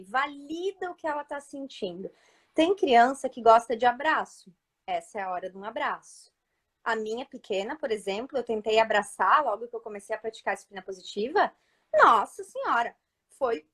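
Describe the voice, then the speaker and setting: Brief: mother as guest speaker, high voice, patient and explanatory, frequent "right?" asides. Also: normal speed, slightly rough. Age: adult mother. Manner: calm, explanatory, often checks in with listeners. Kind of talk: live talk giving parenting advice.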